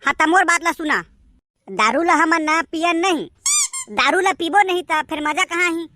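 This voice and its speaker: A woman's voice: extremely high pitch, moderate pace, pushed and bright. A woman with a Chhattisgarhi accent voicing cheeky village boys in a comedy cartoon. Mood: scheming. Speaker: voice actor. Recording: noisy background hiss.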